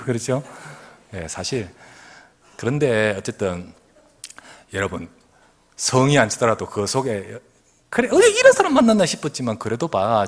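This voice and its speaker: A man's voice: mid-range voice, slightly rough. A middle-aged man preaching a sermon as pastor, telling stories with laughter and acting out the voices of others. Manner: animated storytelling with laughter, acts out quoted voices. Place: church sanctuary.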